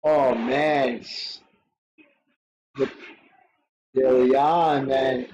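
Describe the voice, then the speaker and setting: A man hosting a live stream, reacting to a fight in short, excitable bursts and swearing freely. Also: mid-range voice, very slow, dull audio, slight background noise. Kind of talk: casual live watch-along commentary.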